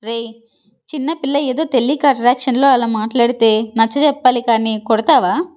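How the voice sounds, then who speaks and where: Woman voicing a calm peacemaking young man. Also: a little high, moderate pace, muffled recording, natural voice. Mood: firm. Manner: firm, reasoning. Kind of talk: storybook reading.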